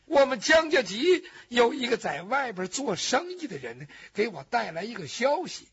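A man voicing a grieving middle-aged mother who was abandoned by her husband, telling her story with a drawn-out lament. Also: very high voice, big pitch swings, a bit bright, full character voice. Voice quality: very husky. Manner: lamenting, drawn-out sung-like phrasing. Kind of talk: storytelling performance in first person. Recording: dull lo-fi recording.

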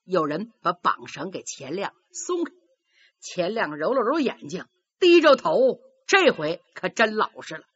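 A woman telling a traditional story in a lively, dramatic manner, voicing every character herself. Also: fairly low pitch, measured pace, slightly rough. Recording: dull lo-fi recording.

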